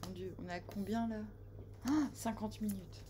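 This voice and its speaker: A woman giving a casual tarot reading who talks straight to her viewers, joking, teasing and scolding them, with sudden loud bursts and quiet asides. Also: medium pitch, moderate pace, slight background noise. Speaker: tarot reader.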